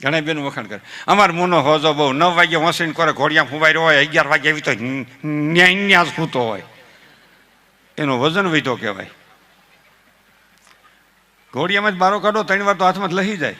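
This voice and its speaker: A man with a Saurashtra Gujarati accent doing folk stand-up storytelling, animated and chuckling at his own jokes while he mimics family members. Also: fairly high pitch, brisk, long pauses. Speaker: folk comedian.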